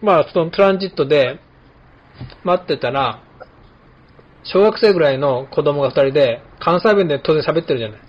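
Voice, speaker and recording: A barber in his late fifties from Kumamoto, Japan, hosts a podcast, telling stories in a relaxed way full of fillers. His voice is a little high and brisk, and he pauses often. The audio is slightly dull and lo-fi.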